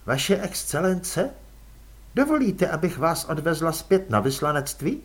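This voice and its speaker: A man's voice: on the high side, sing-song. A man putting on a cool, poised lady vampire. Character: cool, elegant aristocratic female vampire. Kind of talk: audiobook character voice.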